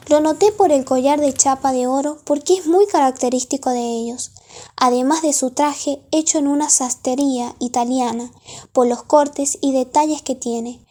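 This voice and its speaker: A woman playing a polite, probing male police detective in a formal, measured radio play style. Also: sits high, warm tone, lightly acted. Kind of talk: amateur radio play acting.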